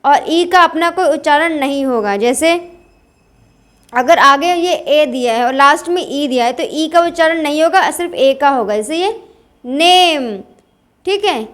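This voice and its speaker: A woman's voice: high voice, expressive, normal speed, a bit bright. A woman teaching a pronunciation lesson, reading rules aloud and drilling word lists. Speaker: English teacher. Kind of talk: slow classroom-style pronunciation lesson.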